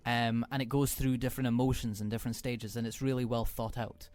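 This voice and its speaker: A man co-hosting a radio film podcast, giving measured views and often agreeing, thinking aloud as he talks. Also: medium pitch, little pitch movement, a little mellow. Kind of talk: casual film review chat. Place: radio studio.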